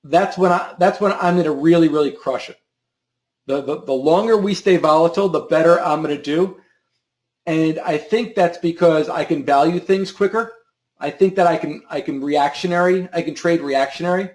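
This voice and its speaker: This options trading show host speaks at a moderate pace in a fairly high voice, and the room sounds roomy. Answering a viewer during his live stream, he rambles, repeats words and keeps restarting sentences.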